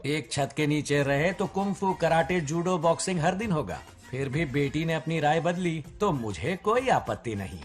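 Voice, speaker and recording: Man doing an easygoing sleepy dad, polite, bit high voice. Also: lively intonation, moderate pace, hardly any pauses, soft background music, close to an everyday voice. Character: sleepy middle-aged father talking in dreams. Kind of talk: Hindi film dub.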